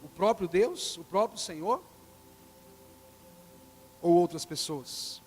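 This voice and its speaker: A man preaching with a very high voice for a man. He talks animatedly, acting out the quoted lines himself. He swings from loud bursts down to near-hushed asides. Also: animated, takes it slowly. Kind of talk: sermon.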